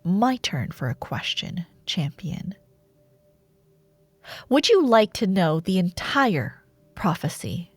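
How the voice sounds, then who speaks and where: Using an exaggerated, very animated voice on the low side with a breathy edge, a woman plays a dark warlord sorceress in an audio drama roleplay. She taunts with imperious, sardonic theatricality and lingering pauses, in a probing, smug mood, on a dry recording.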